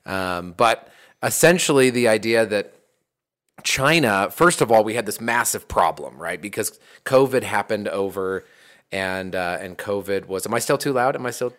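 A man with a fairly low voice, co-hosting a relaxed podcast about running a small business. He wanders through his points with plenty of "um"s and restarted phrases, in an easygoing, conversational way. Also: normal speed. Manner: rambling, many fillers and restarts. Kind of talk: casual podcast chat.

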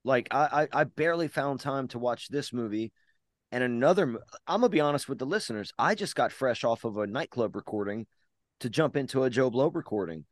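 Loud cussing podcast guy on a video call, mid voice, dry sound. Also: mid-range voice, lively intonation, a little fast, no echo. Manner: profane, boisterous bragging. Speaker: podcast host. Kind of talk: casual chat.

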